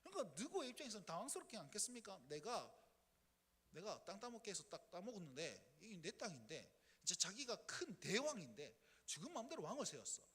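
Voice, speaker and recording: A male pastor with a Gyeongsang Korean accent, preaching a sermon with animated storytelling. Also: high voice, fairly quick, breathy edge. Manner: animated storytelling, acting out scenes. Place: church sanctuary. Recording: echoey church hall.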